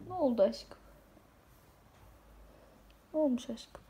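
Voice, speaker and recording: Cat owner, woman, slow cooing pet talk, dark husky voice. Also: sits high, lively intonation. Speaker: cat owner filming her cat.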